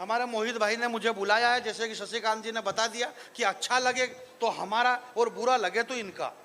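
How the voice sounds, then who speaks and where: A man's voice: high voice, steady tone, normal speed, a loud crowd, heavy background noise. A man from the Marwari region performing as a comic poet on a live stage, joking with the audience and rising into declaimed verse. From Marwari region of Rajasthan. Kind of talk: stage comedy poetry recitation.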